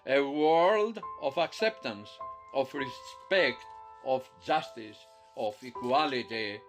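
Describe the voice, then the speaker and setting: A man giving slow, solemn scripted narration for a documentary. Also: mid-range voice, animated. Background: soft music.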